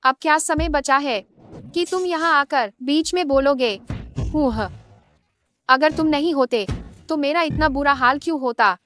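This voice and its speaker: A woman dubbing the role of an older housemaid who is deep in debt, pleading one moment and coldly scheming the next. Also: unhurried, fairly bright tone, faint music behind. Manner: pleading, then cold and scheming. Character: scheming older maid, pleading then greedy. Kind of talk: Hindi drama dub.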